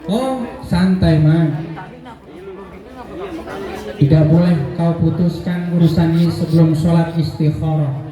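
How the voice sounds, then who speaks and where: A man voicing a calm, authoritative older religious teacher in a sermon story, giving instructions in a commanding way. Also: fairly high pitch, moderate pace, heavy reverb, crowd noise, voice pushed down, lightly acted, low-quality recording. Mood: firm.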